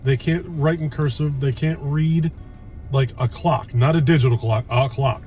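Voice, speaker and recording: A man's voice: medium pitch, normal speed, a little mellow, soft background music. A man in his early fifties chatting casually while eating, chewing as he talks, in a blunt, exasperated, ranting way. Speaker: host of food review vlog. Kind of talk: casual chat.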